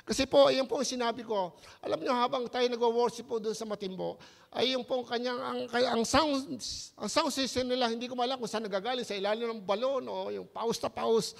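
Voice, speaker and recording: Filipino male pastor, very high and gravelly voice, preaching in a reverberant hall, punctuates his sermon with calls to the room. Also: steady tone, brisk.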